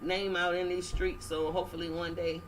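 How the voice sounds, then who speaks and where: A woman's voice: lowish voice, level tone, normal speed. A middle-aged woman comedian telling stories in a brash, profane, casual way. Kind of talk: casual chat. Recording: distant mic with faint room noise.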